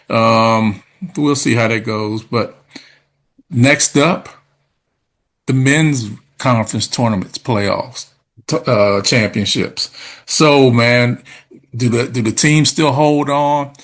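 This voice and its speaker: A man's voice: medium pitch, slow, fairly bright tone. A man co-hosting a sports podcast in casual talk, straightforward and matter-of-fact.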